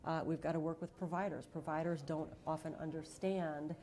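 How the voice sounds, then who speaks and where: A woman's voice: low-pitched, fairly even intonation, moderate pace, warm tone, a little hiss or hum. A woman speaking on a conference panel as a diagnostics leader, telling her story earnestly with frequent fillers.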